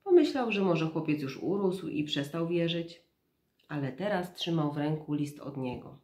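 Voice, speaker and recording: A woman in her thirties, a mother reading a storybook aloud in a soft, measured, quiet voice. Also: low-pitched, expressive, reverberant.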